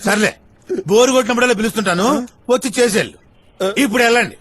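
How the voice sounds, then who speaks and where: A bossy, bright-voiced cop. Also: male voice, high-pitched, very fast. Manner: bossy and teasing. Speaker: police officer. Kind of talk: comic dubbed film dialogue.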